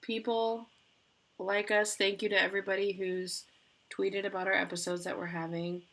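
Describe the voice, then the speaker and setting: A woman's voice: medium pitch, little pitch movement, normal speed, a bit bright. A woman co-hosting a podcast over a video call, chatty and rambling with lots of filler words. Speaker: podcast co-host. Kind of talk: casual chat.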